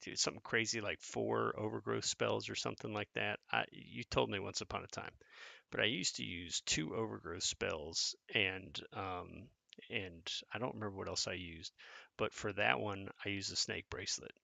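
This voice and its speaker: A man's voice: on the low side, moderate pace, creaky, bright, forceful tone, no room sound. A man giving casual live commentary on a strategy game, thinking aloud as he plays and chatting back to his viewers. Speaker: gaming content creator.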